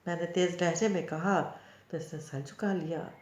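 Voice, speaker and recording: A woman narrating a novel in an even storytelling manner. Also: on the low side, moderate pace. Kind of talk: audiobook reading of a novel. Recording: roomy, dull lo-fi recording.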